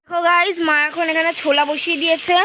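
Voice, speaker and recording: Young woman, high voice, slightly hoarse, playful kitchen commentary, faint noise behind. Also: little pitch movement, fast, sharp tone. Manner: chatty, playful commentary on her mother's cooking. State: hoarse throat. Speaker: daughter of the vlogger. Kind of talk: casual chat to viewers. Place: home kitchen.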